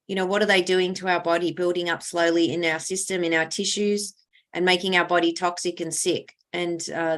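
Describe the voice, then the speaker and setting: Woman, skincare presenter, steady, explanatory. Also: fairly low pitch. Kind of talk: informative presentation.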